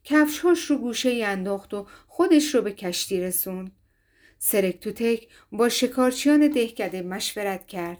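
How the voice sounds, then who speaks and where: A woman narrating a story in a steady, even reading voice. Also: mid-range voice.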